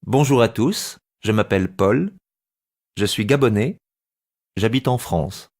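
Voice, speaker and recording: A man reads scripted introductions for a language textbook. He speaks slowly and carefully and spells out each letter plainly. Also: on the low side, a little mellow. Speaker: actor in a textbook dialogue. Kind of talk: scripted dialogue reading.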